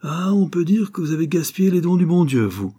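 A man voicing a gruff, broad-shouldered male porter, a former wrestler, curt and stubborn, in an audiobook reading. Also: mid-range voice, moderate pace, warm tone, lightly acted. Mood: apologetic. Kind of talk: audiobook character voice.

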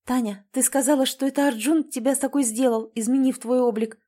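A woman's voice: sits high, fairly even intonation, brisk, mellow, pitched above the performer's own voice. A woman voicing an emotional young woman, a sister who exclaims and sighs, in an audiobook. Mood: earnest. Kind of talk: audiobook character voice.

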